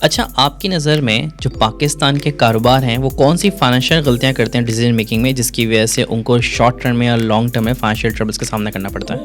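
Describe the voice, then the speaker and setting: A man's voice: mid-range voice, steady tone, fast talker, few pauses, fairly bright tone, soft background music. A man hosting a podcast, asking long, structured interview questions. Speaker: podcast host.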